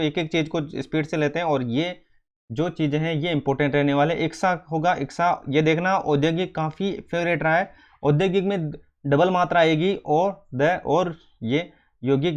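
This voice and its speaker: A man's voice: fairly high pitch, dull audio. A man teaching an exam coaching lesson, drilling spelling by repeating each word and calling his students friends.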